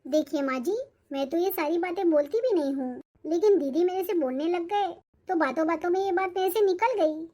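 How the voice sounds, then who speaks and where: A woman's voice: very high voice, fairly quick, few pauses, warm tone. A woman voicing a young daughter-in-law in a family cartoon, speaking respectfully but pressing her complaint. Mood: complaining. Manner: respectful yet persistent, explaining her grievance. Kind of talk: cartoon voice acting.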